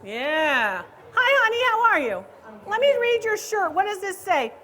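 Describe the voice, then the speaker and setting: A woman who appraises antiques and hosts a comedy show, teasing and ribbing her audience loudly and playfully on a live stage. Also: extremely high pitch, very animated, a little slow, some chatter behind, a little hiss or hum. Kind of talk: live stand-up style crowd banter.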